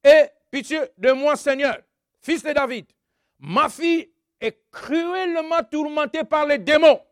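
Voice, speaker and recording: A man's voice: extremely high pitch, measured pace, dry recording, clean studio sound, voice pushed up. A man voicing a desperate mother who cries out and implores for help, read during a sermon. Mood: imploring. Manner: crying out, imploring. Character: desperate pleading mother, a woman.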